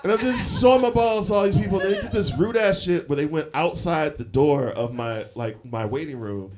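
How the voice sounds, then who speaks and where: A man in his forties telling stories in a live stand-up set, animated and laughing often between lines. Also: on the high side, brisk. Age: 40s. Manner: animated storytelling, frequent laughs and fillers. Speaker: stand-up comedian. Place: comedy club stage with audience. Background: audience laughter.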